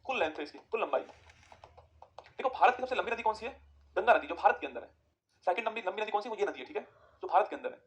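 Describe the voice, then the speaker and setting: A man teaching an exam-prep geography lesson, firing quick questions at students and answering them himself. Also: high voice, expressive.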